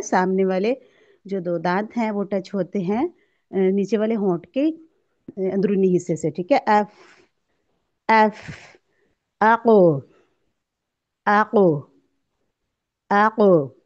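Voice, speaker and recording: A woman teaching Quranic letter pronunciation, slowly sounding out each letter for students to repeat and explaining where it comes from. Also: mid-range voice, warm tone, muffled recording. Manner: asks a question, then answers it herself. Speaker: tajweed teacher. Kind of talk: recorded recitation lesson.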